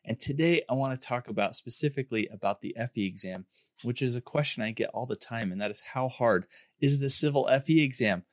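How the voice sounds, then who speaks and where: Male podcast host, hoarse and a bit under the weather, mid pitch, informal delivery, dry recording. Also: fairly quick, no room sound. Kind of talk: casual podcast talk to listeners.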